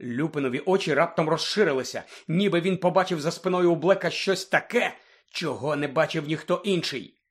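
A male audiobook narrator telling a novel with dramatic expression. His voice sits a little high and shifts in pace and volume with the story. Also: fairly quick, slightly rough.

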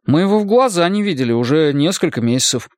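A man's voice: a little high, expressive, quick pace, no echo, clean studio sound, voice pushed up, lightly acted. A man voicing an earnest, polite young boy who speaks respectfully to an adult. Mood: urgent.

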